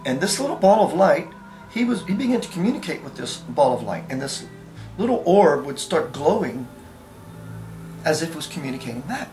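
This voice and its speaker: A man's voice: a little high, sing-song, brisk, darkish tone, echoey room, soft background music. A man earnestly telling a first-person story, with emphatic conviction.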